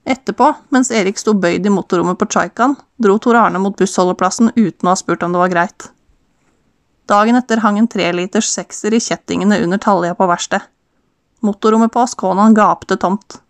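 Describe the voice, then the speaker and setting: A woman narrates a novel in a steady, even way. Her mid-pitched voice is recorded dry and close to the mic. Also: no echo. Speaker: audiobook reader. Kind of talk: storybook narration.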